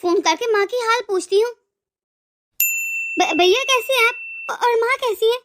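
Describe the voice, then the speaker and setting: A woman's voice: very high-pitched, unhurried, a bit bright, a little hiss or hum. A woman voicing an emotional young wife and devoted daughter in a cartoon story, often stammering over her words. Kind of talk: cartoon voice acting.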